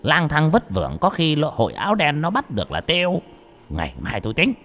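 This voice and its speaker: A man doing a gruff vengeful village sorcerer. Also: fairly high pitch, huge pitch swings, fairly quick, a bit bright, pitched above the performer's own voice, heavily acted. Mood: scheming. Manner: rough, blunt, scolding.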